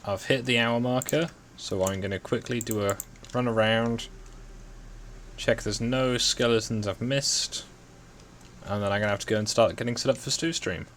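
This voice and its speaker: A man's voice: mid-range voice, fairly even intonation, normal speed, fairly bright tone, a little hiss or hum. A man chatting casually as the host while playing a game. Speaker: gaming streamer. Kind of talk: casual chat while gaming.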